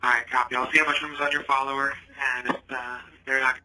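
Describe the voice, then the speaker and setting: A man's voice: mid-range voice, level tone, quick pace, sharp tone, rough recording. A man working as a transit dispatcher, speaking in procedural confirmations over two-way radio, like taxi dispatch. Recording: two-way radio, faint background noise.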